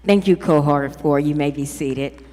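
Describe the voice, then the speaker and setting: A woman's voice: low-pitched, a little slow, a little mellow, slight background noise. A woman hosting a university ceremony, upbeat and proud, with casual asides. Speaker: program host. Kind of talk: ceremony emcee speech. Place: large hall. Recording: long hall reverb.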